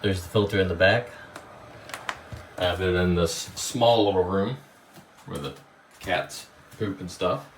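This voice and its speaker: Low-voiced man in a phone video. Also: far from the mic, a little hiss or hum, poor audio. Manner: relaxed, with filler words. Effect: filmed on a handheld phone. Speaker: product reviewer. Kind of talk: casual home product demo. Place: small room at home, indoors. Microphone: phone camera held at a distance.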